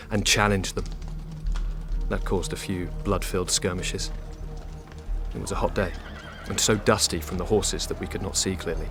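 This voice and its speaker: In an audio drama, a man with a deep, natural voice plays a loyal French duke and military commander. His delivery is measured and formal.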